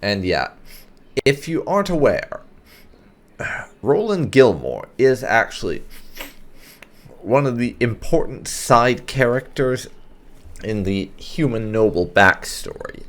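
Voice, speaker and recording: A man hosting a gaming video gives casual, lightly role-played gameplay commentary, musing and thinking aloud. His mid-range voice is very animated but slow, with frequent pauses, and game music plays behind him.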